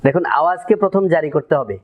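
A man's voice: fairly high pitch, lively intonation. Man teaching Quran pronunciation, lo-fi sound. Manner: explains step by step, drills letter sounds slowly.

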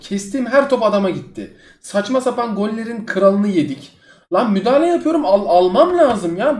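A young man giving live gameplay commentary, exasperated and swinging between loud outbursts and low grumbling. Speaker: gaming streamer. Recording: echoey room with game music behind.

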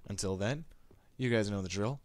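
A man's voice: lowish voice, normal speed, dry recording. A man giving casual let's play commentary on a game, chatting to the enemies and to his viewers. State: hiccups. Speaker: gaming YouTuber.

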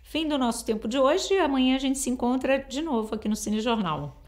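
A Brazilian woman presents the news in a fairly high voice. She addresses the viewer directly as a presenter. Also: expressive, brisk, very noisy. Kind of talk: news sign-off.

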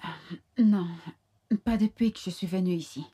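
A woman's voice: on the low side, measured pace, warm tone, slightly rough. A young woman voicing a tender new mother who plays with her baby, in a French film dub. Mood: grateful.

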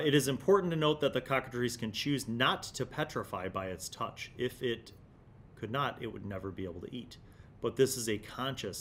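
Speaking in a lowish voice with a little hiss or hum in the background, the fortysomething host of a tabletop gaming review series explains things in a relaxed, conversational way. He mixes casual commentary with passages read aloud from a magazine. The setting is a small home studio, using a large desktop condenser mic.

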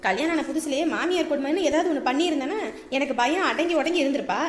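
A woman's voice: high voice, lively intonation, fast talker, reverberant, in a large hall. A woman playing an outspoken elderly village grandmother in a comedy skit, scolding and protective with emphatic calls. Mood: indignant.

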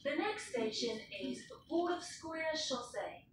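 A woman giving slow, deliberate, sing-song station announcements over a train intercom loudspeaker. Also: very animated. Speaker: recorded transit announcer. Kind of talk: formal public announcements. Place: inside a moving train car. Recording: distant echoey loudspeaker in loud train. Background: loud rumbling train noise.

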